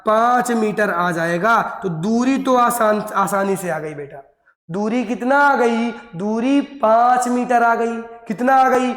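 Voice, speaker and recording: A man's voice: extremely high pitch, slow pace, fairly bright tone. A male teacher giving a lesson, coaxing his students and answering his own questions. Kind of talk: classroom lesson. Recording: echoey, reverberant room.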